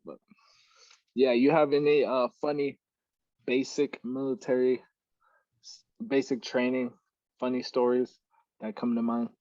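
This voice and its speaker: A man's voice: mid-range voice, no room sound, highs cut off. A young man hosting a podcast, telling stories in casual chat and acting out what others said. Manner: animated storyteller who acts out quoted shouts and laughs mid-story. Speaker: podcast host.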